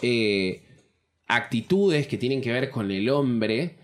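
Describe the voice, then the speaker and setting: A man's voice: medium pitch, lively intonation, takes it slowly. A young man with a Rioplatense accent, talking in a hesitant, laid-back way in casual chat. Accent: Rioplatense Spanish.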